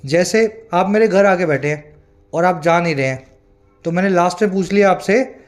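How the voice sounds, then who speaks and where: High-pitched male English tutor explaining words. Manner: explains slowly, reads English example sentences in a drawn-out way; asks the viewer often whether they follow. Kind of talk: vocabulary lesson in Hindi mixed with English.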